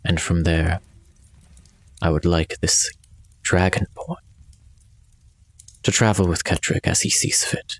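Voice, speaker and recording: A man playing a tabletop game, speaking in character in a measured, formal, quietly menacing way. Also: sits low, steady tone. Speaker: player. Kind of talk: in-character tabletop role-play.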